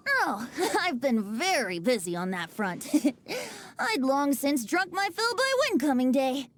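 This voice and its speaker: A teasing, giggly young wind god. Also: female voice, high-pitched, big pitch swings, takes it slowly, heavily acted. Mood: playful. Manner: playful, teasing, often laughing. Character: playful wine-loving wind god in youthful bard form. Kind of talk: video game character dialogue. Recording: game audio with faint music.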